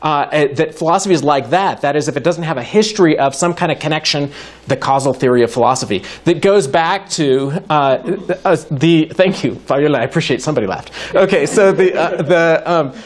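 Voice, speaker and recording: A man's voice: on the high side, brisk. A man giving a university lecture to a live audience in a hall, wry and joking, thinking aloud with frequent restarts. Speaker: guest lecturer in philosophy.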